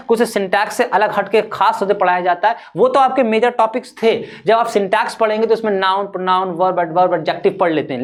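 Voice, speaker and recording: A young man teaching an English class online. He talks in a lively way, asks rhetorical questions and answers them himself, and drops English terms into his Hindi. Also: high-pitched.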